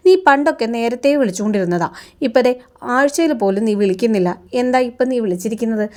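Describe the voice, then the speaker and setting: A woman's voice: on the high side, lively intonation, fast, a little mellow, close to an everyday voice. A woman voicing a fussy, doting old grandmother from a TV serial who chides and asks nosy questions. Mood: fussing.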